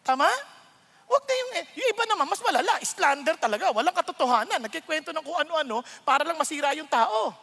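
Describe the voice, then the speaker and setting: A man with a Filipino accent preaching a sermon, animated and full of rhetorical questions, switching between Tagalog and English. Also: extremely high pitch, fast talker, gravelly. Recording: long reverb of a large hall.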